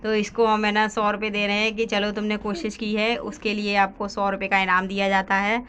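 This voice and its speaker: A woman's voice: medium pitch, monotone, brisk, a bit bright, slight background noise. A woman narrating a family vlog, walking through what happens step by step with lots of fillers. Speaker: family vlogger.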